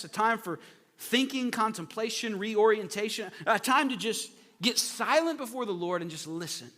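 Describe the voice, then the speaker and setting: A man's voice: high voice, a bit bright. A man preaching an earnest sermon, repeating phrases for emphasis. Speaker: pastor. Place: church sanctuary. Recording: echoey hall with long reverb.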